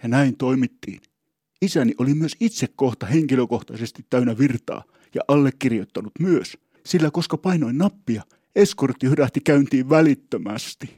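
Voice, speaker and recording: A man's voice: mid-range voice, lively intonation, dark tone, husky, no echo, clean studio sound. A man telling a humorous story about himself in a rambling, wry, mock-solemn way, often stopping and restarting his thoughts. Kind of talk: humorous first-person storytelling.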